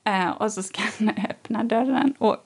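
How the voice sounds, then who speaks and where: A woman in casual conversation, telling a personal story in a lively way and acting out what people said. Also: fairly high pitch, husky. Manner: animated storytelling, acts out quoted lines. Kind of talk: casual chat.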